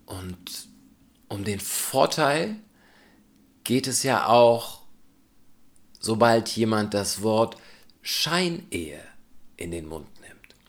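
A man's voice: fairly low pitch, very animated, very slow, long pauses. A man giving a reflective spoken essay in a thoughtful, questioning, argumentative way.

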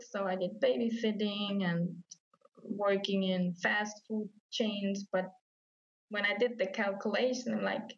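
Appearing as an interview guest, a native German-speaking woman from Austria recounts her story, voicing her past thoughts aloud. She has a mid-range voice and an Austrian German accent, captured in slightly dull lo-fi sound.

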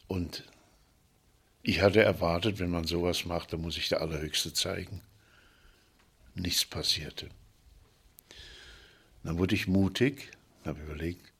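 An older man recounting childhood memories in a reflective, halting way, pausing and restarting his sentences. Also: sits low, gravelly, fairly bright tone, slightly rough.

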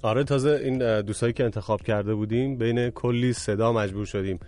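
A man's voice: mid-range voice, steady tone, a little mellow. A man co-hosting a radio show, chatting in a friendly, conversational way with frequent fillers. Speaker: radio co-host. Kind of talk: casual radio talk.

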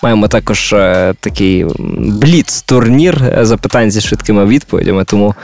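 A man hosting a radio interview in a studio, firing off quick-fire questions in a playful, upbeat way. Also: lowish voice, darkish tone. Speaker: radio host.

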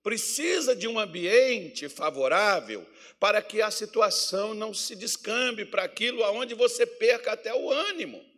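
A middle-aged pastor from preaches in its with a rather high voice. He tells homely stories and swings from ringing declarations down to quiet asides. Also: expressive, unhurried. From Minas Gerais, Brazil. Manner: folksy, storytelling preacher who shifts between loud declarations and soft asides. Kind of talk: sermon.

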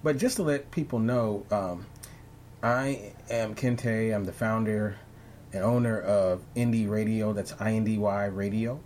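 On his online talk show, the host chats loosely with a guest, wandering through his thoughts with frequent fillers and restarts. He speaks a little slowly in a lowish voice, and there's slight hiss or hum in the recording.

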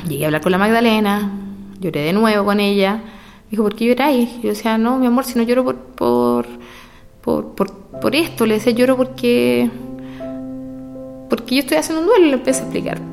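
A woman's voice: on the high side, animated, brisk, a little mellow. A middle-aged woman with a Chilean accent, telling a personal story with feeling and acting out whole conversations. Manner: emotional, retells dialogue at length. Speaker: interviewee. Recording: clear music playing behind.

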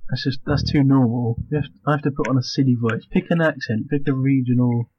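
A man's voice: mid-range voice, steady tone, fairly quick, dull audio, slight background noise. A man co-hosting a podcast, joking around, swearing and laughing a lot. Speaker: podcast co-host. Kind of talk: casual chat.

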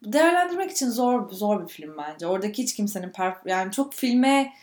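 A woman co-hosts a casual podcast about cinema. She talks in an animated, opinionated way and readily pushes back on her partner's points. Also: medium pitch, a little fast. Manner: animated, opinionated, laughs easily. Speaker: podcast co-host. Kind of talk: casual film discussion.

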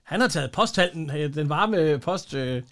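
A man co-hosts a relaxed podcast, chatting about a TV show. His voice sits a little high for a man. He laughs often and hesitates with plenty of fillers. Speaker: podcast co-host. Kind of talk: casual chat.

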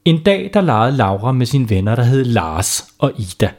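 A man's voice: mid-range voice, very animated, darkish tone. A man telling a bedtime story to children in a playful way, stopping to ask them questions.

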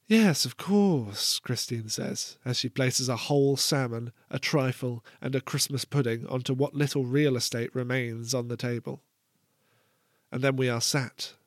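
A man reading a first-person story aloud with a measured, wry delivery. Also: medium pitch, dry recording, clean studio sound. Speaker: narrator.

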